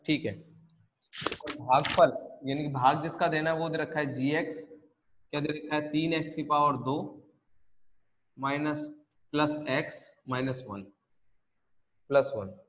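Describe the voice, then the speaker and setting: Man, math teacher, online class, slightly higher voice, repeats steps, asks and answers himself. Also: fairly even intonation, unhurried, pauses often, a bit bright, a little hiss or hum. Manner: repetitive, step-by-step explaining with rhetorical questions.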